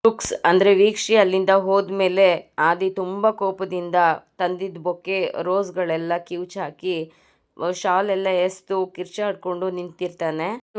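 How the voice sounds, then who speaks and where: A woman narrating a television serial recap with a clear, smooth voice. She retells the events steadily and slips into the characters' lines as she goes. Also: lowish voice. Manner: steady retelling, acts out dialogue.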